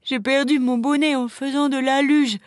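A woman's voice: high-pitched, fairly even intonation, normal speed, no room sound, studio quality, voice pushed up, lightly acted. A woman voicing a small crying boy who speaks in tearful hiccups, in a storybook reading. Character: little boy crying over a lost hat.

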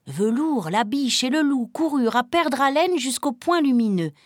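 A woman narrating a children's storybook in a gentle, expressive reading voice. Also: high-pitched, normal speed, no echo, clean studio sound.

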